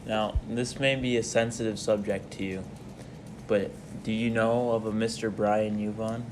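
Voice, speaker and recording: A young man running a mock-serious interview with deadpan, formal questions. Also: lowish voice, normal speed, background noise.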